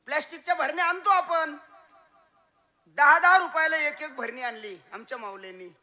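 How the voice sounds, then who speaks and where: A man's voice: very high-pitched, normal speed. A man giving a humorous devotional kirtan sermon, asking his listeners questions as he teaches. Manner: lively teacherly, asks audience questions often; humorous, playful asides. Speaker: kirtan preacher.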